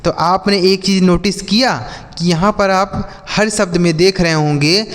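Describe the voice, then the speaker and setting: A man's voice: sits high, steady tone, a little slow, a bit bright, in a large hall. A man hosting a spoken English lesson, spelling words out letter by letter, repeating and quizzing his students, whom he calls children. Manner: addresses viewers as children and brother. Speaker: English teacher, channel host.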